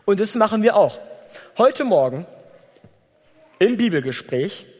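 A man preaching a sermon in a lively, conversational way, acting out little dialogues as he tells stories. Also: high-pitched, measured pace, husky. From Germany. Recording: reverberant church hall.

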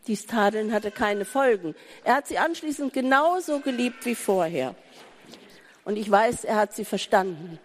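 Woman giving a sermon, super slow, lots of emotional questions, big echoey hall. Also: mid-range voice. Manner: emotional, rhetorical questions, swings between urgent pleading and soft calm. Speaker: preacher. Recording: reverberant hall.

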